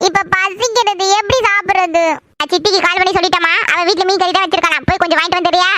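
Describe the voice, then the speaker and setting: A woman's voice: extremely high pitch, fairly even intonation, rapid-fire, pushed and bright. A woman voicing a bossy, fussing mother in a cartoon. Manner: fussing, scolding. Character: bossy mother of two teen daughters. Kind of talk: cartoon voice acting.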